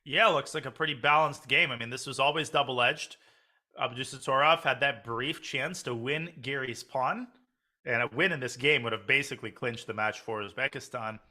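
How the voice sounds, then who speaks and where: A man commentates live chess as host. His voice is mid-pitched and strikingly bright, with a crisp, forceful edge. He speaks conversationally, as if talking it through with a partner. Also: moderate pace. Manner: conversational, poses questions to co-commentator.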